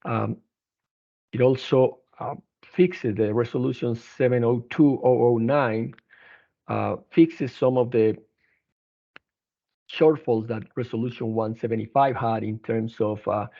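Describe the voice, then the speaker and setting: A gravelly, medium-pitched man stumbles and restarts frequently as he presents his company's financial results as an executive. The earnings call comes over a telephone conference line, so the sound is narrow and tinny.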